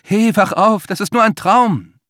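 A man voicing a teasing, cheerful young woman who chats in a bright, playful way. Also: high voice, measured pace, no echo, studio quality, voice pushed up. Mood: urgent.

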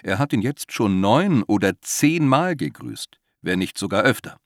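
Man, narrator, humorous story, wry, slow, lively pitch, dry close sound. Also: no echo.

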